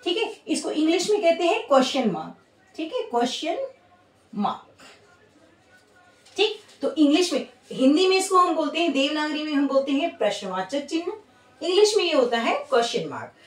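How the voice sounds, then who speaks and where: A woman's voice: high-pitched, very animated, normal speed. A woman teaching a grammar lesson who explains patiently, repeats key words and answers her own questions, mixing English words into her talk. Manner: mixes English words into Hindi. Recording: echoey room, voice a bit far from mic.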